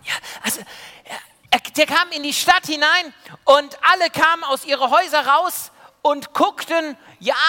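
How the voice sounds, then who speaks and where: A preacher telling a Bible story to children in a lively way, going from loud to hushed. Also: male voice, very high-pitched, in a large hall. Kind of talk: sermon told as a children's story. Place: church.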